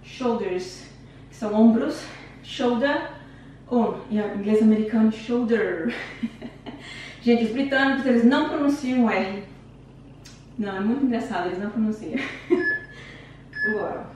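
A woman's voice: a little high, normal speed, pauses often, darkish tone. A woman with a Brazilian Portuguese accent coaching a home workout, chatty and encouraging, counting down reps while out of breath from exercising. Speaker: fitness instructor. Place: room at home. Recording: very echoey room, distant mic, faint noise.

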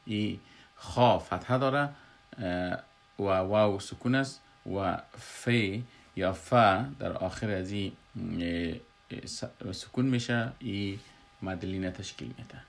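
A man with an Afghan Dari accent explaining a Quran recitation lesson, pausing often with filler sounds. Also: low voice. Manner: halting, frequent filler hesitations.

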